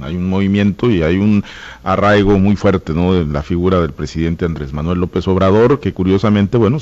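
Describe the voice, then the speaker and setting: A man hosting a live news discussion, somewhat halting and ending phrases with tag questions. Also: low voice, darkish tone. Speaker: radio host. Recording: dull, lo-fi radio sound.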